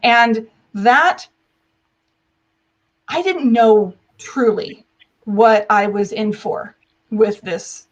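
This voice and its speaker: Speaking extremely slowly with long pauses, an American woman with a fairly high voice shares personal stories as a live interview guest. She is emphatic and irreverent, frequently acting out dialogue, and the recording has its highs cut off.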